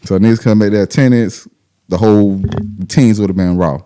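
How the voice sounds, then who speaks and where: Brisk and dark-toned yet clear and resonant, a lowish male voice belongs to a hip-hop show host from Glenville, Georgia. With his Southern US accent, he runs a casual interview in street slang, repeating himself and frequently saying "man" and "bro."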